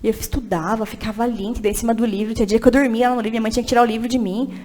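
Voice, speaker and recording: On a casual podcast, a church children's ministry director talks animatedly and rapid-fire, laughing a lot and pushing listeners forward with emphatic encouragement. Her voice sits on the high side, mellow, with fairly even intonation.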